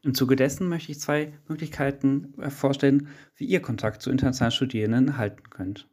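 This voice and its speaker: A man's voice: medium pitch, steady tone, fairly quick, darkish tone. Young male reporter, scripted student radio narration and interview questions. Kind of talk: read-out radio feature narration.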